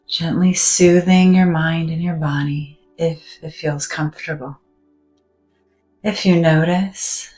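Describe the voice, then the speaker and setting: Guiding a meditation, a woman speaks in a low, slow, soothing voice with long pauses between phrases, occasionally sinking nearly to a whisper. Her manner is soft and gentle. Quiet, faint music sits behind her on a low-quality recording.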